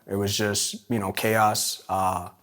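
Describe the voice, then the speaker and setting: A man's voice: on the low side, flat delivery, fairly bright tone. A man from Puerto Rico, telling his life story in an interview with many fillers and restarts. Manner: halting, many restarts and fillers, streetwise phrasing. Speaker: interview guest.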